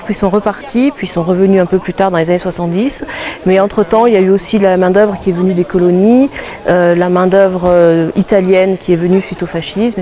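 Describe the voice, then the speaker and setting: A woman archivist explaining an exhibition in a measured, informative way. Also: medium pitch, mellow. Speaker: municipal archivist.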